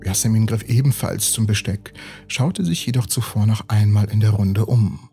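A man reading a bedtime story as a calm, even storyteller. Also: on the low side, normal speed, vocal fry, soft background music. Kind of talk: scripted bedtime story narration.

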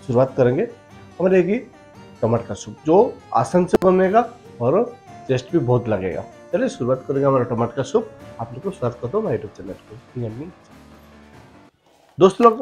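A chef from a cooking channel, a man in his thirties, narrates a recipe tutorial step by step in a chatty, repetitive manner and calls the viewers friends. His voice is mid-range and a little mellow.

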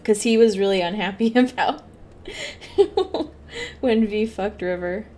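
A woman's voice: mid-range voice, lively intonation, slow pace, dark tone. A woman streamer giving casual, joking, crude commentary over a game.

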